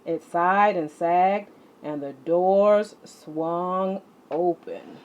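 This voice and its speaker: A woman narrating a children's picture book in an expressive, deliberate storytelling manner. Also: fairly low pitch, lo-fi sound. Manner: animated, deliberate storytelling delivery. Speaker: read-along storyteller.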